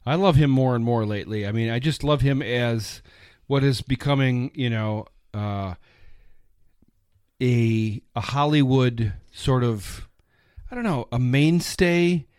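A man in his fifties hosting a podcast, talking about films in a loose, rambling, enthusiastic way. His voice sits in an ordinary middle pitch. The recording is dry and close. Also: measured pace, darkish tone, clear, resonant tone, dry recording. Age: 50s. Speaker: podcast host. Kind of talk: casual movie chat.

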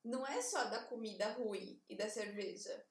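A woman's voice: on the high side, normal speed, far from the mic. A woman in a casual chat who teases with prodding questions. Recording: roomy, off-mic with faint ambience.

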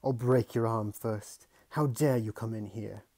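Deep, gravelly-voiced nobleman with a quick temper, as a man reads him aloud, loud, barking orders, husky edge, storybook reading. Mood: furious. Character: fierce, commanding nobleman uncle, quick-tempered. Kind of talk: audiobook character voice.

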